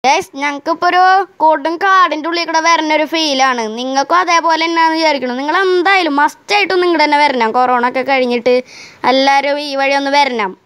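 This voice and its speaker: Woman, high voice, Kerala Malayalam accent, casual vlog narration, talks to viewers, English words mixed into Malayalam. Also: fairly quick, a bit bright. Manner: chatty, addresses viewers directly. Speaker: travel vlogger.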